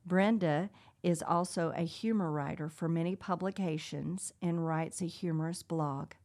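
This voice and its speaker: A woman's voice: fairly low pitch, moderate pace, darkish tone. A woman co-hosting an interview show, introducing a guest and laughing often. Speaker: co-host, speech pathologist. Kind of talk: talk show introduction and chat.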